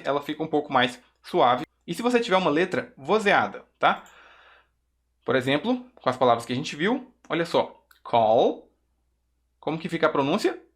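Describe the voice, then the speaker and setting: A man's voice: on the high side, a bit bright. Brazilian man drilling English sounds. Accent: Brazilian Portuguese. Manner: slow, exaggerated drilling of English words. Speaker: English teacher. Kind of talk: pronunciation lesson.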